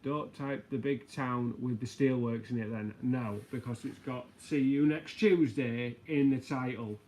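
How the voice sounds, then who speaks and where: A man's voice: mid-range voice, steady tone, normal speed, darkish tone, a little hiss or hum. A man hosting a casual livestream, rambling, joking and reading out viewer comments. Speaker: livestream host. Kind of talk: casual live chat.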